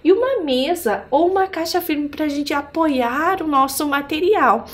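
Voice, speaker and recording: A woman's voice: sits high, lively intonation, a little slow. A Brazilian woman teaching a remote primary school lesson, talking to children like a cheerful kids show host and prompting them with questions.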